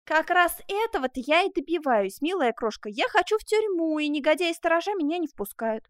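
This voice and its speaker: A woman voicing an excitable young man who exclaims in agitation, in a storybook reading. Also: high-pitched, normal speed, no echo, clean studio sound, pitched above the performer's own voice. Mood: pleading.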